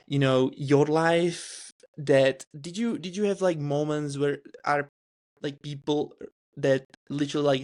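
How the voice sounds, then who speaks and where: A man from the Czech Republic with a Czech accent, hosting a podcast interview and asking questions in a halting way with many restarts and fillers. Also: a little high, darkish tone. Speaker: podcast host. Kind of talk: casual interview chat.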